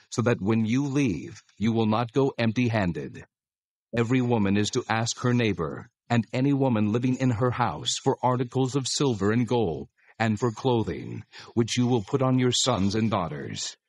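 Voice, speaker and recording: A man's voice: fairly low pitch, animated, moderate pace, a little mellow, slightly rough, dry recording. An actor playing God as a solemn, commanding male deity in a dramatized scripture reading.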